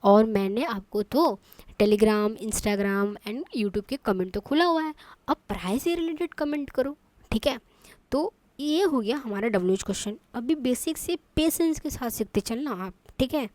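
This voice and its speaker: A woman's voice: a little high, expressive, unhurried, a little mellow, dry recording. A woman teaching an online English grammar lesson, explaining step by step and checking in with her students often.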